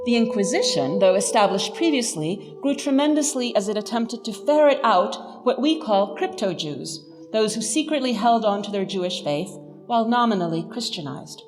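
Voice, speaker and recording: Lecturing as a professor from a script, a middle-aged woman sounds articulate, emphatic and wryly funny. Her voice is medium-pitched and a little mellow, with lively intonation at a moderate pace, set against long hall reverb and faint background music.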